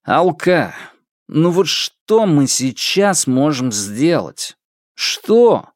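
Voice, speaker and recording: A man's voice: fairly high pitch, very animated, dry recording, studio quality, voice pushed up, full character voice. A man doing a lazy, sneering young brother. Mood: mocking. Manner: drawling, sneering, unhurried. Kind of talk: audiobook character voice.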